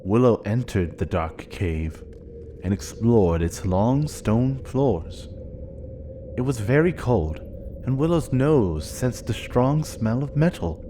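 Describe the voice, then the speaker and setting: A man gently reading a children's storybook aloud in an expressive way. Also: sits low, slight background noise. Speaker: narrator.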